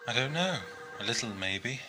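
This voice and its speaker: Casting: male actor as eccentric British time-traveller hero, theatrical, wry and compassionate, mid-pitched and animated. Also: normal speed, background noise, close to an everyday voice. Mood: thoughtful, conspiratorial. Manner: theatrical, mocking, thoughtful. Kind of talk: 1980s audio sci-fi drama acting.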